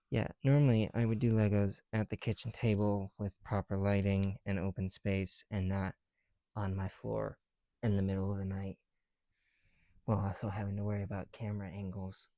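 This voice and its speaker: Sitting on the bedroom floor at night, a man builds bricks for a laid-back ASMR video, making self-deprecating remarks and little asides. His voice is fairly low and warm with vocal fry, and the recording is dry.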